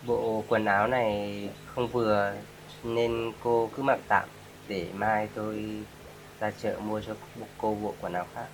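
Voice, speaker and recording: A man acting in a staged rural drama, speaking in a plain, steady, reassuring way. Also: on the low side, unhurried, slight background noise. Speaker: vlogger playing the rescuer.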